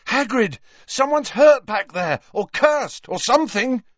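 Teenage schoolboy hero, played by a male narrator: urgent, raised pitch, breathless shouts, storybook drama. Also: animated, measured pace, no room sound, muffled recording, heavily acted. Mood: urgent, alarmed.

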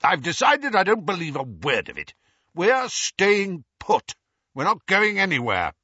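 Man doing a bellowing paranoid uncle, shrill and strained, lively pitch, dull dry audio. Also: unhurried, slightly rough, no room sound, full character voice. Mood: stubborn. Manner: shouting, shrill when enraged. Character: blustering, furious middle-aged uncle, bellowing and paranoid.

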